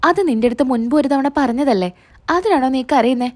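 A woman reading the lines of a caring young husband who reassures his tearful wife, keeping her own high voice. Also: brisk, darkish tone. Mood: reassuring.

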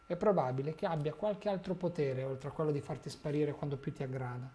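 A man's voice: fairly high pitch, a little fast, mellow, slight background noise, natural voice. A man reading as an old male wizard who gives earnest warnings in a grave tone.

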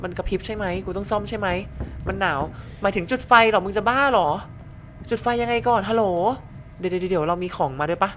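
A woman's voice: medium pitch, fast, slight background noise. A woman streaming a horror game in casual commentary, reading the game dialogue aloud in translation.

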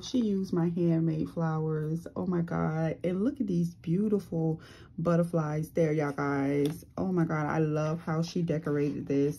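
A woman's voice: low-pitched, creaky, slightly rough. Gushing woman unboxing crafts. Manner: gushing, excited, says "y'all guys" a lot. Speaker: craft channel host. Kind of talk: casual unboxing vlog.

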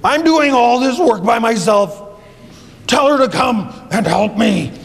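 Man doing a fretful, complaining busy woman in a storybook, high-pitched, echoey hall. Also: animated, a little slow, creaky, full character voice. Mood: upset. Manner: pleading, fretful storybook reading. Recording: echoey church hall, faint hum.

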